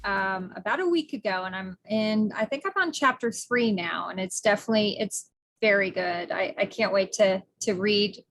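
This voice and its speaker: A woman's voice: mid-range voice, moderate pace. Earnest middle-aged woman podcast host. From United States. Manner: warm, earnest, many fillers and restarts. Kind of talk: casual interview.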